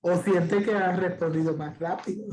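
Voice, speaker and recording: Slow, mellow-voiced woman pastor. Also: fairly low pitch, poor audio. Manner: encouraging, with frequent affirmations. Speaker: pastor leading a study group. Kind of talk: leading a group discussion.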